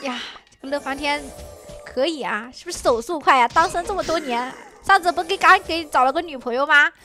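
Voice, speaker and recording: A young woman hosting a gaming channel, commenting excitedly on her play with dramatic whining, fake crying and playful chanting. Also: high voice, fairly quick, soft background music.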